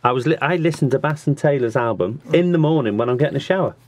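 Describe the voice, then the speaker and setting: A man's voice: medium pitch, expressive, quick pace, no room sound. A man hosting an online acoustic music show from a small studio, chatting casually and jokily with lots of asides. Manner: rambling and jokey, with restarts and asides. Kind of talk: casual chat.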